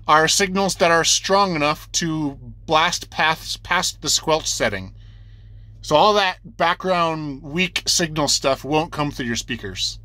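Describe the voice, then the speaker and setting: This instructor's voice is a little high and bright, with a forceful tone. Speaking off the cuff in a casual tutorial, he lays things out plainly one step at a time and goes back over points for beginners.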